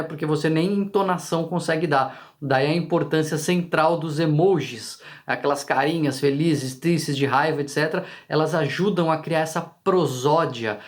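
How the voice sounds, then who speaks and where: A man with a Brazilian Portuguese accent hosting his channel, explaining casually to the viewer and often tagging questions on to his sentences. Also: a little high. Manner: conversational, frequent tag questions to the viewer; talks directly to the viewer. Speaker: channel host.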